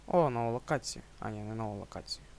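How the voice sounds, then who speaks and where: A man's voice: medium pitch, fast talker, vocal fry, darkish tone, a little hiss or hum. A young man with a Ukrainian accent giving joking commentary while playing a horror game, yelping when startled. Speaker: let's play gamer.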